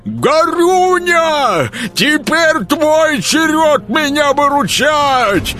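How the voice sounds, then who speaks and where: A wailing high swamp creature. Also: male voice, very animated, drawn-out words, bright, forceful tone, soft background music, full character voice. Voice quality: hoarse, wailing. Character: panicky male swamp creature, fish-whiskered, wailing.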